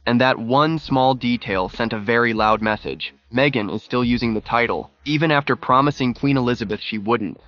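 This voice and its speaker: A man's voice: mid-range voice, normal speed, hardly any pauses, no room sound, highs cut off. Dramatic male news narrator. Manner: dramatic, clipped phrasing.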